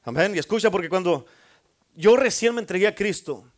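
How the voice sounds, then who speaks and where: A man's voice: high-pitched, expressive, a little fast. A male pastor preaching a sermon, often calling for amens from the congregation. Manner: call-and-response, frequent amen prompts.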